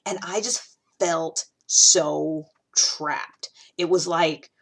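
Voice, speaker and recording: She sits low in pitch, keeps a steady tone, and speaks very slowly: an Ohio podcast host in her thirties rambling through a casual monologue about herself. Restarts, fillers, and constant "like"s run throughout.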